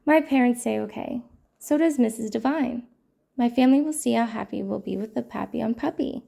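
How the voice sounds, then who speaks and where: A woman reads a children's picture book aloud in a gentle, playful storytelling manner. Her mellow voice sits a little high and has a gravelly edge. She sounds like a storytime host speaking to young listeners. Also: a little fast.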